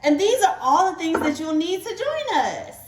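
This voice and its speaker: Animated high-pitched woman hosting kids' science. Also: normal speed, a little hiss or hum. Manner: excited, encouraging talk to a young child, with gasps and exclamations. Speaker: host of a family kids' science show. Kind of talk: kids' educational demonstration to camera. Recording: echoey room.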